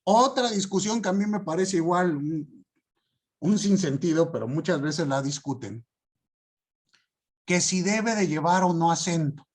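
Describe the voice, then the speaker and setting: A man giving a class lecture, stressing key words and often asking students if it is clear. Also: on the high side, lively intonation, measured pace, long pauses, darkish tone. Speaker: law teacher.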